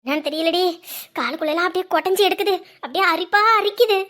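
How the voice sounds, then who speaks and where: A woman playing an older mother-in-law who groans and wails in pain, with a sharp tongue, in a serial-style drama. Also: extremely high pitch, quick pace. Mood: groaning. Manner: moaning, wailing, sharp-tongued. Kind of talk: TV serial acting.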